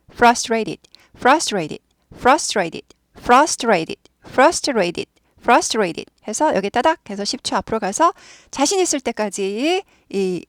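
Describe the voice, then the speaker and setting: A woman with a Korean accent gives an English pronunciation lesson at a medium pitch. She explains patiently and repeats each word slowly over and over. The sound is dry and close. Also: no room sound. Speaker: English teacher.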